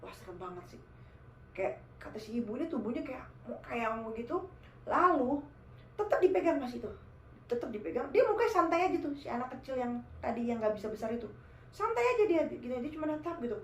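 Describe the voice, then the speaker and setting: A woman casually telling a true horror story, animated and speaking directly to her listeners. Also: a little high, fairly quick, reverberant. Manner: animated, addresses listeners as guys.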